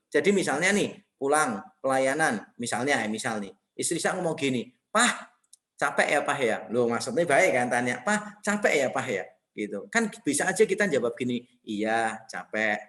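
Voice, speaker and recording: A middle-aged man from Indonesia, preaching a sermon in a conversational, storytelling way. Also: fairly high pitch. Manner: conversational, animated storytelling with laughs. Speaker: pastor.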